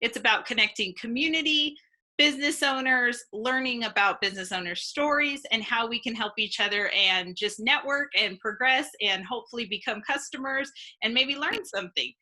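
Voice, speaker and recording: A woman's voice: on the high side, normal speed, sharp tone. A woman hosting a casual live interview, chatty and friendly, laughing often. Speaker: host.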